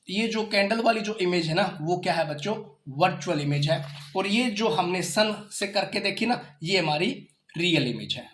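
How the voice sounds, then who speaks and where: A male science teacher explaining a lesson, reading textbook lines slowly and asking the children repeated questions. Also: sits high, fairly bright tone, roomy sound.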